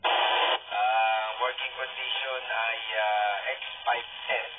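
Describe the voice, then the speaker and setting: A man's voice: mid-range voice, little pitch movement, slow pace, music in the background. A man on a two-way radio transmission, an amateur radio operator exchanging call signs and signal reports in a hesitant way, with many fillers. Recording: tinny radio line.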